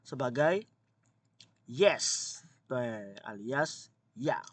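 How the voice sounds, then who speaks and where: A man's voice: mid-range voice, expressive, no room sound. A man teaching a Mandarin grammar class online, stretching out example sentences and chatting with his students, with an itchy throat. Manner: slow, drawn-out modelling of example sentences.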